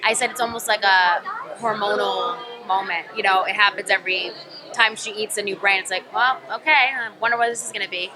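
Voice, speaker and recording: Music plays under this young actress as she fields press questions at a crowded convention, the room's chatter audible in the background. She speaks briskly at a medium pitch in a steady tone, though her answers are thoughtful, meandering, and full of ums.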